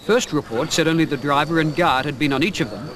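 A man reporting a news story in a measured, formal, scripted delivery. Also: on the high side, heavy background noise.

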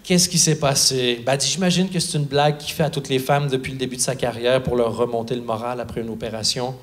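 A man's voice: mid-range voice, fairly even intonation, quick pace. A man performing a stand-up set on a theatre stage, telling a story and acting out the people in it. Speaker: stand-up comedian. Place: theatre stage before a live audience.

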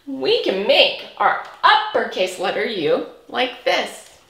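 A woman preschool teacher speaks high and slowly, in a broad singsong way meant for small children. Her pitch swings widely as she draws out and stresses words. The sound is a little distant, in an echoey room. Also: sing-song, creaky, bright, forceful tone. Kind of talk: children's alphabet lesson with singing. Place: small indoor room, in front of a whiteboard. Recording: roomy indoor echo.

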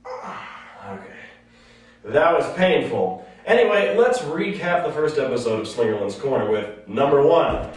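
A man's voice: a little high, expressive, moderate pace, distant mic. Sarcastic ranting man, echoey room. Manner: sarcastic, exasperated, swears. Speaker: web show host. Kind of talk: comedic rant reading fan mail.

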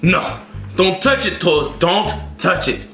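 For a puppet comedy skit, a man voices a bumbling, hot-tempered chef who is flustered, whining and swearing. His high, gravelly, slightly bright voice is heavily acted and takes things slowly. The recording has a roomy echo and faint music.

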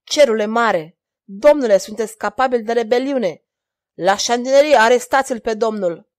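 A woman reading the part of an aging king who is proud and quick to anger, with a commanding voice that rises in fury. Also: fairly high pitch, a little mellow, dry recording, natural voice. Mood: furious.

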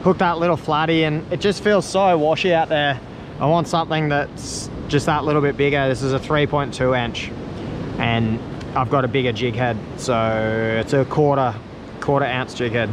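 A young Australian man with a mid-range voice hosts a casual fishing vlog on a surf beach at sunset, recorded on a head-mounted action camera. Loud surf and wind fill the outdoor audio as he laughs readily and exclaims excitedly at his catches.

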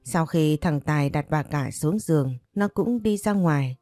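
A woman narrating a short story in first person, calm and steady, at a close mic. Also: sits low, normal speed, dry recording, soft background music.

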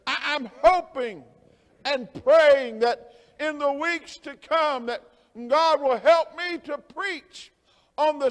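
A man preaching a sermon as pastor, slow and halting with many fillers and repetitions, rising to emphatic near-shouting. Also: extremely high pitch, big-room sound. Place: church sanctuary.

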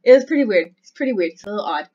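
A woman hosting a Let's Play, reading the game text aloud and chatting excitedly and giggly with her co-player. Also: mid-range voice, rapid-fire, husky. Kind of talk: casual gameplay narration. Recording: slightly dull recording with background music.

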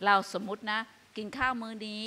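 Bright-voiced older woman teaching. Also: medium pitch, a little fast, clean tone. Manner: earnest, animated advice with vivid examples. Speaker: radio show host, Buddhist teacher. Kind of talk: dharma talk on live radio. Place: meditation hall with a live audience.

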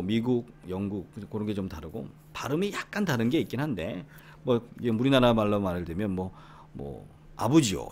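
Lively Korean man teaching English pronunciation. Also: on the low side. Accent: Korean with Gyeongsang roots. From Gyeongsang region, South Korea. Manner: conversational, often seeking agreement with the listener; repeats key words and drops into a near whisper. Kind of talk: explanatory lecture.

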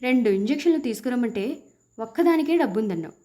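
A woman's voice: a little high, animated, quick pace, warm tone, close to an everyday voice. A woman voicing a stern hospital nurse in a storybook, scolding in a reproachful tone.

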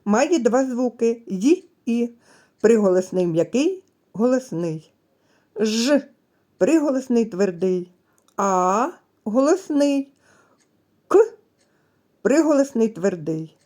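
Woman preschool teacher, mellow and unhurried, gentle delivery for small children. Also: a little high, sing-song. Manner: gentle, addresses children directly, stretches sounds. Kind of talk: slow, clearly articulated literacy lesson for children.

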